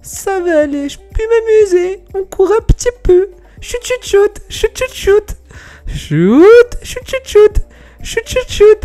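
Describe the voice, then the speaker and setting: A man voicing a young female hunter in a high falsetto, squeaky and exaggerated, while playing a game. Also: sing-song, slow pace, dark tone, faint music behind, exaggerated voice. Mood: gleeful. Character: young female hunter, nervous then trigger-happy.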